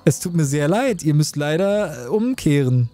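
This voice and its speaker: A man's voice: on the high side, lively intonation, normal speed, mellow, soft background music. A young man streaming a tavern game, chatting casually with his chat, joking and reading out messages.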